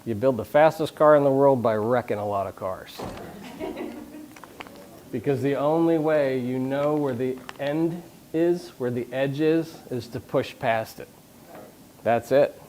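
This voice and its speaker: A man's voice: medium pitch, measured pace, darkish tone, a little hiss or hum. A man speaking to a live conference audience about leadership, casual and joking, with frequent restarts and questions to the room. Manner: conversational, jokey, many restarts, asks the audience questions.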